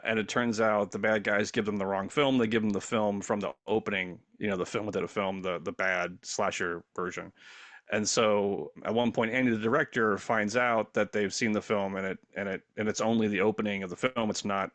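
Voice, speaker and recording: A man hosting a casual podcast who retells scenes in an animated way, chuckling between phrases. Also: on the low side, fairly quick, no echo. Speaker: podcast host.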